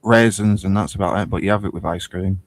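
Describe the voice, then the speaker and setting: A man in his early thirties, chatting about food and wrestling in a relaxed, easygoing way on a podcast. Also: low voice, quick pace, slight background noise. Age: 30s. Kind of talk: casual chat.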